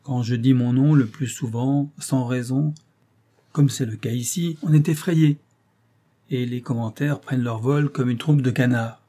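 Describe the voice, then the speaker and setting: A man reading an audiobook, voicing a polite, cunning gentleman detective who speaks courteously and with insinuation. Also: mid-range voice, fairly even intonation, measured pace, close to an everyday voice.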